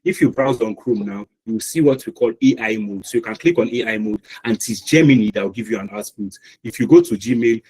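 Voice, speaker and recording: A man's voice: medium pitch, a little mellow, husky, low-quality recording. A man with a Nigerian accent teaching an online class, explaining step by step with fillers and restarts. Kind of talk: live online lecture. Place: online meeting call.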